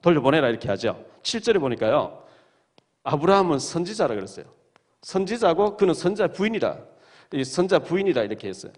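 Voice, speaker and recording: A man's voice: fairly high pitch, sing-song, fairly quick. A male pastor preaching a sermon in a church, reading scripture aloud and retelling the stories with dramatic emphasis. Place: church sanctuary.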